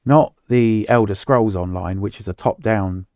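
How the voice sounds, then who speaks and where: A man's voice: on the low side, moderate pace, dark tone, dry recording. A man co-hosting a casual chat about video games, rambling and losing his words mid-sentence. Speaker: podcast co-host.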